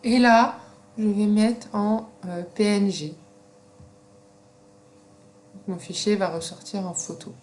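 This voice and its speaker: A teacher with a medium-pitched voice and a non-native French accent guides students through a software tutorial, taking her time. She explains each step slowly, often pausing with filler words. Her computer mic picks up faint background noise.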